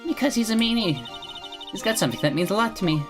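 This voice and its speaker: A woman's voice: medium pitch, lively intonation, fast, voice pushed up, lightly acted. A woman voicing an innocent, childlike, cheerful young female animal tamer in a playful, girlish way for a video game playthrough. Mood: pouty, eager. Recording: background music behind the voice.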